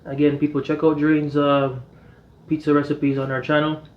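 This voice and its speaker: A man's voice: on the high side, completely flat delivery, moderate pace. A man chatting casually as co-host of a food challenge. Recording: dull, lo-fi sound with background noise.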